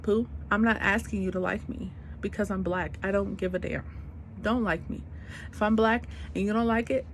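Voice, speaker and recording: A woman's voice: medium pitch, slight background noise. A woman in her twenties venting in an unscripted vlog rant, blunt and emphatic, repeating her points in casual slangy speech. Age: 20s. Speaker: vlogger.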